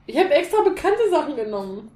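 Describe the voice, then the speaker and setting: A woman co-hosting a casual podcast chat over drinks, animated and blunt, and she laughs easily. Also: high-pitched, fast talker, echoey room. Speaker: podcast co-host.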